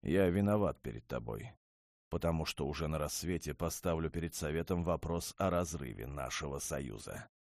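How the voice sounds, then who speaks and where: A man voicing a commanding male dragon lord in an audiobook, speaking in a low, measured, restrained way. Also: lively intonation, gravelly, darkish tone, dry recording, studio quality, full character voice. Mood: calm.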